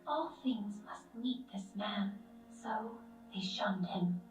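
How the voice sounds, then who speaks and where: A woman playing a serene, ageless female lamb spirit of death in a game, speaking in calm, poetic, measured lines. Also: mid-range voice. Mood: gentle, solemn. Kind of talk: scripted game character voice lines. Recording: echoing, distant playback over music.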